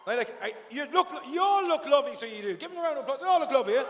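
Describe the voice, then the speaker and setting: A man's voice: very high-pitched, expressive, very fast, big-room sound, a crowd in the background, background noise. An Irish man hosting a live awards ceremony, chatty and jokey as he interviews guests. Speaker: awards show host.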